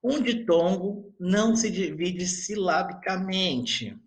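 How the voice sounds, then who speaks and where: In a recorded grammar lesson, a man with a high-pitched voice explains things slowly and patiently. He keeps checking in with his students again and again.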